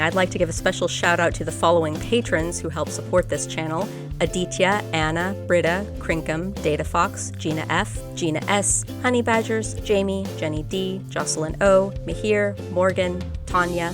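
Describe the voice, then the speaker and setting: A woman's voice: lowish voice, moderate pace, music in the background. A woman food vlogger narrating a voice-over in an upbeat, playful way.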